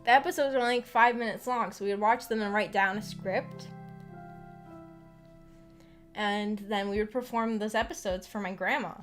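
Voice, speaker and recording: A woman with a mid-range voice talks at a normal speed, leaving long pauses. She's a streamer hosting a visual novel book club, chatting casually and sharing personal anecdotes in a giggly, self-deprecating way. Background music plays.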